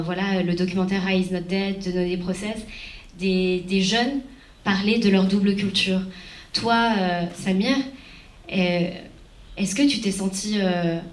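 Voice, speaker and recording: A woman moderating a live panel, speaking hesitantly with many fillers. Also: medium pitch. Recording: roomy hall from a distant mic.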